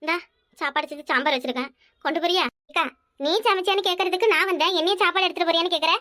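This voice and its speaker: A woman with a Kanyakumari Tamil accent voicing village women in a family cartoon, with quick, bickering chatter. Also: very high voice, bright, forceful tone. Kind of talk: animated village cartoon dialogue.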